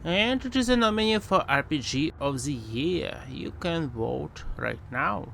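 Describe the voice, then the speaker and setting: A man talks through a game video essay in a bright, slightly high voice, full of sarcastic jabs and mocking asides. A faint hiss sits under his voice-over. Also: expressive, a little slow, gravelly.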